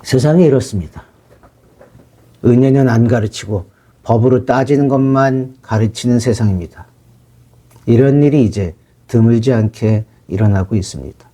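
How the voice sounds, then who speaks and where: A man's voice: medium pitch, normal speed, pauses often, mellow. A middle-aged counselor talking through a family case in a firm, lecturing way, re-enacting his stern talk with a child. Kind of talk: spoken commentary on a counseling case.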